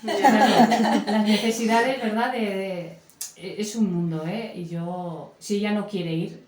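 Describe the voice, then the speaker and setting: A woman's voice: medium pitch, steady tone, slow pace, a little mellow. Patient woman explaining, echoey room. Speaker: Alzheimer's care professional, guest. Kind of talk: casual podcast conversation. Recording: echoey room with faint noise.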